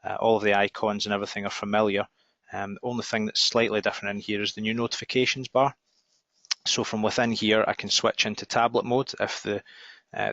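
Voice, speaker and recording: Man, Glaswegian Scottish accent, lowish pitch, bright hard-edged tone, halting demo narration, frequent ums, muffled recording. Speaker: software demo presenter. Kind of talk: informal screen demo narration. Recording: dull, roomy lo-fi recording.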